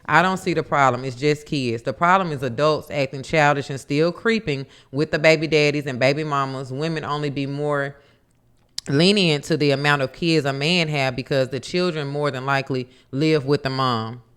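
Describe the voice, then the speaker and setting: Smooth-voiced man reading comments. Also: a little high, moderate pace. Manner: reads comments in a steady, plain delivery. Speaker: podcast co-host. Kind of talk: casual chat, reading viewer comments aloud.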